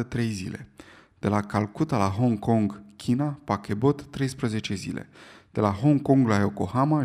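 A male audiobook narrator with a voice of middle pitch. He reads in a measured, steady way, keeping a plain storytelling tone. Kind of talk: scripted narration.

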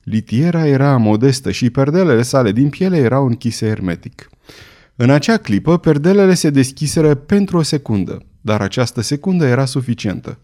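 A man's voice: medium pitch, expressive, dark tone. A man narrating a historical novel as an audiobook, in a theatrical, emphatic storytelling manner. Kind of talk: dramatic historical novel reading.

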